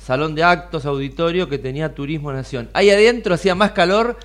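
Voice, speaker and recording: A man's voice: on the high side, fast. An Argentine man co-hosting a radio show in a casual, colloquial chatting style. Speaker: radio co-host.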